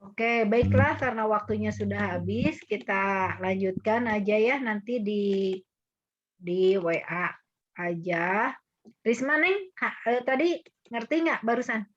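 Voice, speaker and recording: A woman's voice: medium pitch, a little slow. Woman teacher on a lo-fi call. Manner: coaxing, repeats questions to students. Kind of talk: online class teaching.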